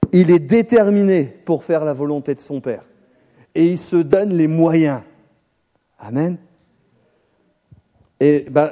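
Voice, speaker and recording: A man preaching a sermon, talking straight to his congregation and telling the story with lively, acted-out voices. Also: a little high. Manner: animated storytelling, addresses the congregation directly; acts out the people in the story with shifting voices.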